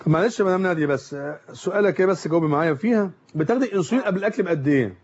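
A man with an Egyptian accent, a doctor hosting a call-in show, brisk and asking pointed questions. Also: high voice, animated, a little mellow, muffled recording. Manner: brisk, brief acknowledgments, asks pointed questions. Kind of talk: call-in medical advice show.

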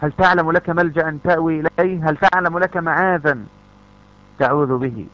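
Man preaching, fairly high voice, dull muffled recording, fervent, rhetorical questions. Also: fairly even intonation, fairly quick. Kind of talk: sermon.

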